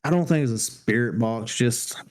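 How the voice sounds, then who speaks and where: A man's voice: mid-range voice, normal speed, a little mellow. A man co-hosting a podcast, casually retelling a ghost hunting story with loose restarts. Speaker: podcast co-host.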